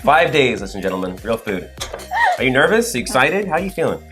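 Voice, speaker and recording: A man's voice: medium pitch, very animated, normal speed, over loud music. A man co-hosting a casual chat show, teasing his guest in a playful, showman-like way. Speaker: co-host.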